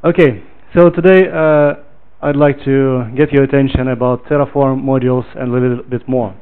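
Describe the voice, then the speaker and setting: A man from Ukraine gives a relaxed technical talk at a meetup, pausing often on fillers. His voice is smooth and clear, but the audio sounds thin and phone-like. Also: mid-range voice. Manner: relaxed, filler-heavy, loud when projecting to the room. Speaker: meetup speaker.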